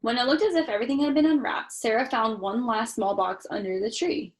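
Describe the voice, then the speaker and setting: A higher-voiced woman briskly reads a picture book to young children, talking straight to them with expressive energy and chatty asides along the way.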